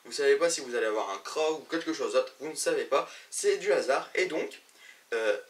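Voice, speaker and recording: A man's voice: mid-range voice, lively intonation, a little fast, recorded from a distance. A man hosting a web show about games, presenting news to camera in a chatty way, with many fillers and restarts.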